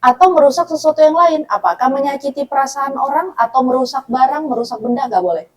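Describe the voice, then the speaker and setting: A woman from North Sumatra, of Batak background, gives a conversational religious talk at an Islamic women's study gathering. Her voice is high-pitched and fast, and she often checks in with her listeners, acts out dialogue and laughs a lot.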